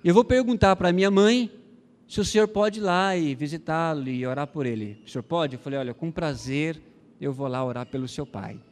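A man from Brazil, a missionary pastor, telling a testimony in a sermon, acting out the dialogue with many pauses and fillers. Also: on the high side, long reverb tail.

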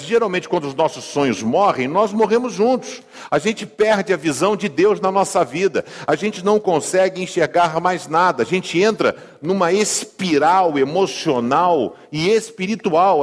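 A Brazilian male pastor gives a sermon full of jokes and stories, talking directly to the congregation. His voice sits slightly high for a man. A long reverb trails behind it from a church hall. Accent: Brazilian Portuguese. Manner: humorous, conversational, asks the congregation. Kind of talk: sermon with storytelling.

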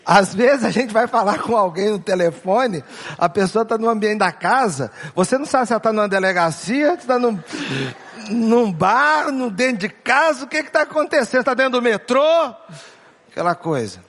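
Playful Brazilian pastor with a raised voice. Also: male voice, sits high, animated, moderate pace, fairly bright tone. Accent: Brazilian Portuguese. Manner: playful, acts out family voices and jokes with the crowd; asks the congregation questions and repeats key phrases. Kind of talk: humorous sermon to a congregation.

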